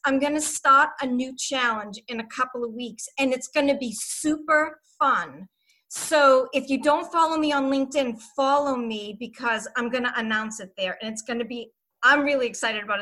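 Bubbly high-voiced Boston woman. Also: normal speed, low-quality recording. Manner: bubbly, excitable. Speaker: guest, author and trainer. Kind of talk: casual panel chat.

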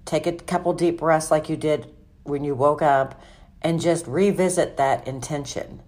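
A woman hosting a podcast, giving informal self-help guidance in a measured, instructional, conversational way. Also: deep voice, darkish tone. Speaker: podcast host.

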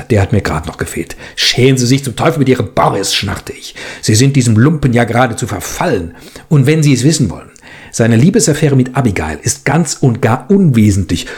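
Man, storyteller, animated delivery, voices the characters, amused commentary. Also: medium pitch. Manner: acts out both quarrelling characters; chatty, amused commentary with laughs. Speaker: reader of a story. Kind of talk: dramatic reading with commentary.

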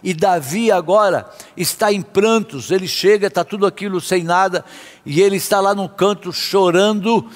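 A man's voice: high voice, moderate pace. A man preaching a sermon as a pastor, impassioned, sometimes half-singing his phrases. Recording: long hall reverb.

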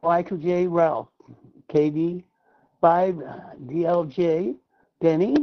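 Man, net control operator, gravelly tone, formal on-air calling, heard over fading shortwave radio with dull lo-fi sound. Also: fairly high pitch, steady tone. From Massachusetts, USA. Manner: measured, formal on-air calling, spells call signs phonetically. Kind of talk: amateur radio net procedure.

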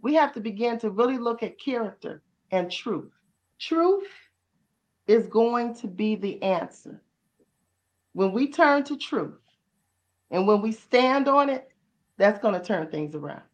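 A woman's voice: a little high, lively intonation, a little slow, long pauses. A woman pastor speaking on a panel with a preaching cadence, building her points through repeated rhetorical questions. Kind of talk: panel discussion comments.

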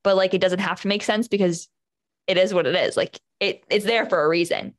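A young woman host talks in an animated, chatty way at a middle pitch, rushing ahead whenever something excites her. Her talk is loose and full of fillers. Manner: animated, talks fast in bursts. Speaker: podcast host. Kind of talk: casual chat.

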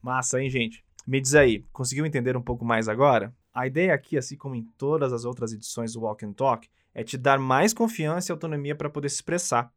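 A man's voice: medium pitch, fairly quick, hardly any pauses. A man with a Brazilian accent, leading an upbeat English lesson and coaching the listener through repeated phrases. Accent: Brazilian Portuguese. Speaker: English teacher. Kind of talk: friendly language lesson.

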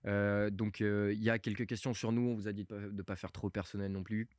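Relaxed young Swiss man chatting. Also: fairly low pitch, a little fast, no room sound, studio quality. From Switzerland. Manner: relaxed, joking, trails off quietly. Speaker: podcast host. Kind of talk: casual podcast chat.

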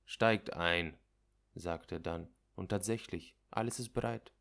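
A man with a very low voice reads a literary story aloud as its narrator. His pacing is measured and dramatic, and he lets the first-person tension build line by line. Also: creaky, darkish tone. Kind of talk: literary audiobook reading.

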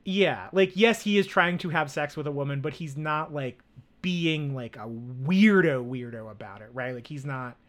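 A man's voice: a little high, moderate pace, a bit bright. A man co-hosting a film podcast, talking casually with lots of fillers and restarts. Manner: rambling, many fillers and restarts. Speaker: podcast co-host.

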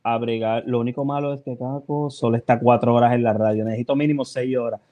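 Animated man telling stories. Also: mid-range voice, fast, highs cut off. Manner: animated, acts out his own reactions. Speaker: guest radio DJ. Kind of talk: casual podcast storytelling.

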